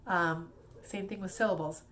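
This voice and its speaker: A woman's voice: lowish voice, steady tone, moderate pace, a bit bright, slight background noise. A woman teacher casually explaining reading games to fellow teachers, chatty and rambling with many fillers and restarts.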